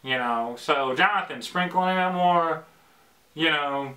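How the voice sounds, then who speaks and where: Bright, excitable man rambling solo. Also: fairly high pitch, takes it slowly. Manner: excitable, rambling, swings into loud bursts. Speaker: podcast host. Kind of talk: casual solo talk. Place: basement.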